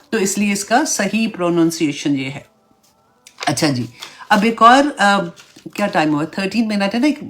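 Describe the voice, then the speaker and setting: A woman leads an online religious class in a relaxed, chatty manner. Her voice sits a little low for a woman. She slips English words into her explanations and keeps checking in with her students as she walks them through each point. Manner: conversational, mixes English words into Urdu; explains step by step, asks "right?" and "na?". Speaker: Islamic teacher.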